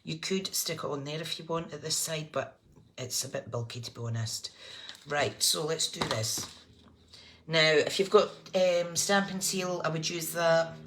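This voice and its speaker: Female craft livestream host, broad Scottish accent, deep register, informal and chatty, light background noise. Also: steady tone, a little slow, a bit bright. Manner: informal, chatty, thinking aloud while working. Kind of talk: casual live craft tutorial, chatting to viewers. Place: indoors at a craft table. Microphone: phone above the desk. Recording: clear background noise, clicks of handling.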